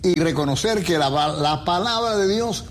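Man preaching on a faith q&a show, kinda high voice, faint hum behind. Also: animated, unhurried. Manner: preachy, uses everyday comparisons. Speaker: pastor co-host. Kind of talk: faith talk show answering questions.

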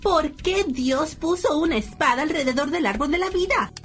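High-pitched, excitable cartoon bee lady. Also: moderate pace, soft background music. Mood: insistent, curious. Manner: exclaiming, insistent questioning. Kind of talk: children's audio adventure acting.

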